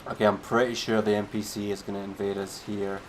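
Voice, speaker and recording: A man's voice: lowish voice, flat delivery, brisk, a little hiss or hum. A man streaming a game, giving laid-back, chatty commentary with a wry edge. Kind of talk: casual gameplay commentary.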